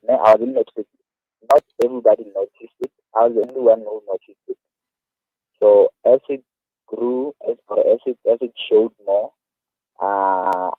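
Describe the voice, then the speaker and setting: South african guy in his 30s on a tinny phone line, lowish voice, earnest, stops and restarts a lot. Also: dry recording. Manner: earnest, halting, repeats words. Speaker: guest, awareness activist. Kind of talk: phone-in radio interview.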